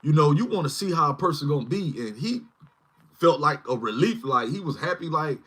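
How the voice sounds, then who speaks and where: A man's voice: fairly high pitch, expressive, brisk, fairly bright tone, slightly rough. A man in his forties hosting a casual livestream, rambling and often asking "you know what I mean". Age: 40s. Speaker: channel host.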